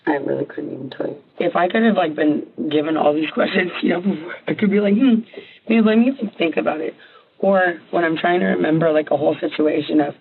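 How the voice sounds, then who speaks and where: A woman giving a halting, rambling statement in a police interview, recorded on a tinny line. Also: sits low, vocal fry, slight background noise. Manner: halting, rambling, filler-heavy.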